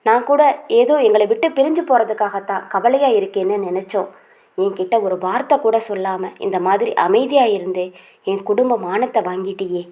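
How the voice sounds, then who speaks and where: A woman's voice: medium pitch, a little fast, dark tone, lightly acted. A woman voicing a stern middle-aged father who bitterly scolds and disowns his daughter in a read-aloud novel. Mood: bitter scolding.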